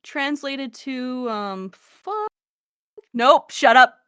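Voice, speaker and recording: A woman's voice: high-pitched, animated, drawn-out words, bright, forceful tone, smooth, no echo, studio quality. A woman co-hosting a casual podcast, teasing and swearing as her voice cuts in and out behind a covered microphone. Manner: teasing, swearing, playfully combative. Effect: voice cutting in and out, muffled by a covered microphone. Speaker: podcast co-host. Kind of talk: casual chat.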